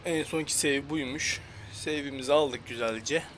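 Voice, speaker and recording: A young man with a Turkish accent commentating his gameplay casually, joking and grumbling at the game with sudden loud outcries. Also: medium pitch, moderate pace, a little hiss or hum. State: slight headache. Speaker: gaming YouTuber. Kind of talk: casual let's-play commentary. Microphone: headset.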